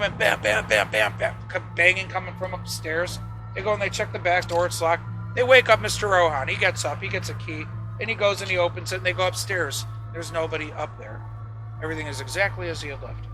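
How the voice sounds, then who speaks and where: A man guides a ghost tour in a fairly high voice. He tells his suspenseful tales dramatically, leaning on key words for emphasis. Music plays behind him as he talks. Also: pushed and bright, rough recording.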